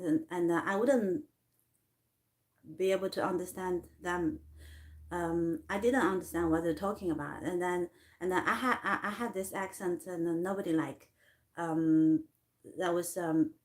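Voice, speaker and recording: A woman with a Chinese accent, a non-native English speaker, telling her life story in a personal vlog, halting and full of fillers and restarts. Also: on the low side, fairly even intonation. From China. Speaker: artist vlogger.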